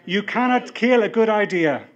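A man's voice: high voice, animated, normal speed, muffled recording, heavy background noise. A middle-aged Irish man giving a rousing political convention speech as party leader at a podium microphone in a large hall. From Ireland. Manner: rousing speech-making, building to emphatic appeals. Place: large hall with a seated audience, indoors.

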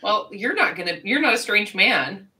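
A woman's voice: mid-range voice, sing-song, normal speed, sharp tone, recorded from a distance. A woman co-hosting a comedy podcast, giggling and chatting casually with short reactions. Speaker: podcast co-host.

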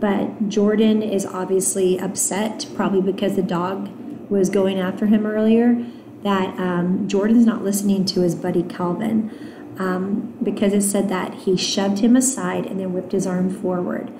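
A woman teacher reading a novel aloud to her students, stopping for gentle explanatory asides with fillers. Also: medium pitch, flat delivery, normal speed, noisy background. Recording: roomy echo.

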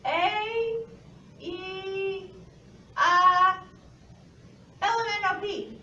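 A woman voicing an eager, polite young boy puppet with a bright, exaggerated childlike delivery in a children's lesson, recorded in a classroom. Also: very high voice, extremely slow, highs cut off, voice pushed up, exaggerated voice. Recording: roomy, noisy, distant camera mic.

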